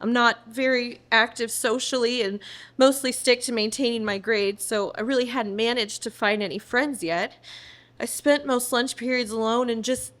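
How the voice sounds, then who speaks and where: A woman's voice: a little high, fairly even intonation, normal speed, a bit bright, natural voice. A woman playing a shy, lonely teenage student recounting a haunting in a radio drama. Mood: subdued. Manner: shaky recollection.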